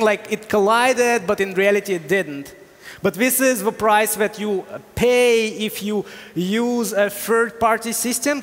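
High-voiced man answering questions on stage. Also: a bit bright. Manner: explanatory, with hesitations. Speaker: conference speaker. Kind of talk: technical Q&A on stage. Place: large hall on stage. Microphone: headset. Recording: reverberant hall.

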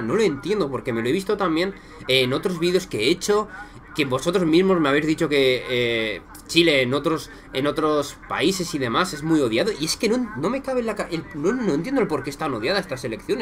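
His voice a little high, a young Spaniard with a Spanish accent reacts live to a football match. He's excitable and foul-mouthed, shouting when goals go in and muttering in the lulls, chatting with viewers as if they were friends.

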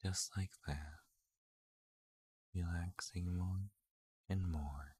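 Very slow, breathy soothing whisper. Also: low-pitched, fairly even intonation. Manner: soft soothing whisper with small quiet laughs. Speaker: ASMR sleep guide. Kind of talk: whispered ASMR sleep talk.

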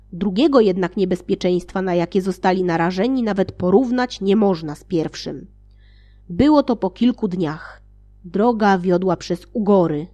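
A woman reading a fairy tale aloud, playful, with sarcastic asides and loudly acted quotes. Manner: reads with sarcastic asides and laughs; acts out shouted quotes with raised pitch. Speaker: audiobook reader.

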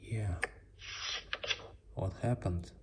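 An adult giving casual, halting, muttered commentary while playing along with a children's app. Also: low-pitched, slightly rough. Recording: loud background noise, clicking.

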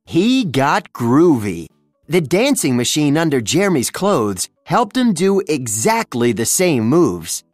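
A storybook reader narrates a children's tale aloud in a mid-range voice, with lively, up-and-down expressive delivery at a measured pace and hardly any pauses. The sound is dry and close with no echo, and faint music plays softly underneath.

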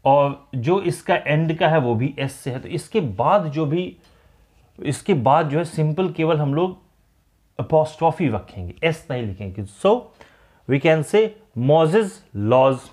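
Slow-speaking man teaching grammar. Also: on the high side, expressive, darkish tone. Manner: slow, deliberate explaining, mixing English and Hindi. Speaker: English teacher. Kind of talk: grammar lesson.

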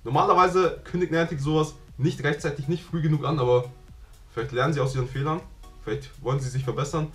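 A man's voice: a little high, steady tone, fast, a bit bright, husky, soft background music. A young man vlogging casually, chatty and slangy, filming himself with a camera held at arm's length on a city street at night. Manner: chatty, laughs often, slangy. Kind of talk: casual vlog chat. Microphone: action camera held at arm's length.

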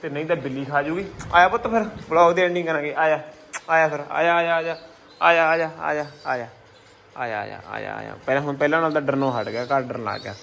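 Speaking quickly in a slightly high, gravelly yet somewhat bright voice, a man with a Punjabi accent vlogs about his pigeons. He keeps calling to the birds with repeated calls and endearments, caught on a noisy handheld recording full of ambient sound.

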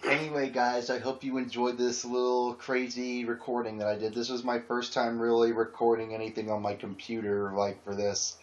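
Speaking at medium pitch with little pitch movement, a man hosts a casual group fan fiction reading, chatting and narrating at a moderate pace with few pauses. He's on a computer microphone in a group voice call, so the sound is muffled and carries background noise.

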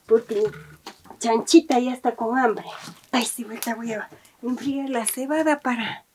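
A woman's voice: fairly high pitch, fairly even intonation, measured pace. A middle-aged woman with an Andean Spanish accent, talking casually to camera through a cooking demonstration in a homely way, full of fond diminutives. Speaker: vlogger demonstrating farm cooking. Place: small indoor rustic kitchen with wood fire. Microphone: handheld camera or phone nearby. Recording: clearly noisy, clicking kitchen sounds.

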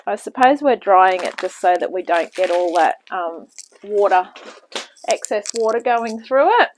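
Filmed on a camera mic in her home kitchen, a cooking show host speaks from off-screen at the bench, chatting casually with rambling asides as she works. Her medium-pitched voice has lively intonation and an unhurried pace, and the low-quality recording carries a little hiss or hum.

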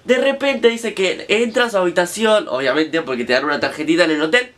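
A man's voice: high-pitched, a little fast, fairly bright tone, a little hiss or hum. A young man with an Argentine accent, casually recounting a story to his viewers in a chatty, slangy way. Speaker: vlogger.

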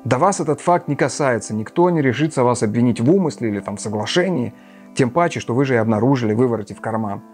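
A man reading an audiobook, voicing a smug, wordy gentleman who hems and mumbles. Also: medium pitch, lively intonation, fast, soft background music, lightly acted. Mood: pompous. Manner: wordy, pompous, hesitant mumbling. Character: pompous middle-aged gentleman, smug and fussy.

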